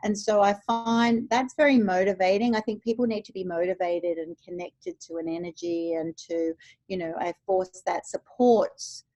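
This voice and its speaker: A woman's voice: mid-range voice, steady tone, moderate pace, dark tone, no echo, highs cut off. A woman being interviewed as a success coach over a video call. She talks in an earnest, encouraging way and uses many "you know" fillers. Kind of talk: casual interview conversation.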